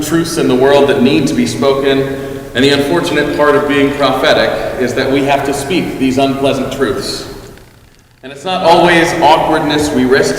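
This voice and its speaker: Wry preacher in an echoey church hall. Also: male voice, mid-range voice, recorded from a distance, slight background noise. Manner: wry, self-deprecating humor. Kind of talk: sermon. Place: church sanctuary.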